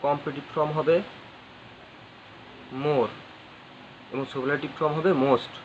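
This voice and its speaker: Here a man teaches English grammar in a fairly high, steady voice at a measured pace. He spells words letter by letter, repeats phrases, and puts questions to his viewers, all captured in slightly dull audio with a faint background hum of ambient noise.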